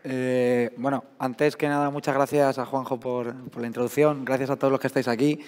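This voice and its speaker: A man's voice: medium pitch, level tone, a little fast, darkish tone, clear, resonant tone. A man giving an informal, explanatory science talk to an audience, his voice worn out and giving out. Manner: colloquial, explanatory. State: hoarse, voice giving out after a night out. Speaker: seismologist, guest speaker. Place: public talk in a large hall. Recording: echoey hall, long reverb.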